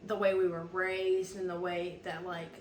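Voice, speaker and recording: A woman's voice: on the low side, little pitch movement, unhurried, distant mic. A young woman chats easily as a podcast co-host, laughing often and peppering her talk with "like." Her voice rings in a roomy, echoing space. A faint layer of background noise sits behind her. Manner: easygoing, laughs often, chatty with "like" fillers. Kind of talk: casual conversational chat. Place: room with door open to rain.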